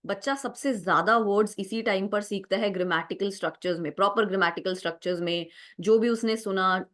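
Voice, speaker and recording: Young woman teacher explaining exam prep stuff, keeps asking right?, mid pitch, switches between hindi and english. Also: fairly quick, a bit bright. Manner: explanatory, mixes Hindi and English, frequent "right?" check-ins.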